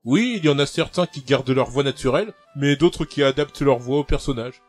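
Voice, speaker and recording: A man's voice: mid-range voice, lively intonation, brisk, faint music behind. A man who dubs characters for online videos, explaining his approach in a plain, matter-of-fact way. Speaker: fandub voice actor. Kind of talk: casual explanation.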